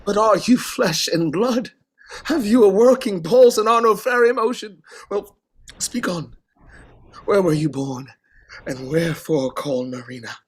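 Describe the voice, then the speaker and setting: An actor playing an anguished, long-suffering king in classical verse, with a theatrical, halting delivery that swings between hush and outcry. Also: sits high, animated, breathy edge, heavily acted. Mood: anguished disbelief. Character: grief-worn, long-suffering king, anguished, hoping and doubting. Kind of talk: classical verse stage acting.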